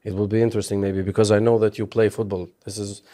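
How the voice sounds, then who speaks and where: A man's voice: on the low side, level tone, fast, mellow. A man hosting a radio interview, asking his questions with many hesitations. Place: radio studio.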